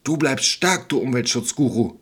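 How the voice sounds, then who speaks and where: Determined fairy-tale girl, firm and husky, read by a man. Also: medium pitch, animated, normal speed, a bit bright. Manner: firm, resolute. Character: determined young girl Gretel.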